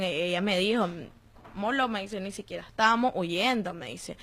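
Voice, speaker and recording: Young Nicaraguan woman recounting her story. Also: mid-range voice. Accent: Nicaraguan Spanish. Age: young adult. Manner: animated storytelling, acting out quoted voices. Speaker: interviewee, former detainee. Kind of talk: personal testimony.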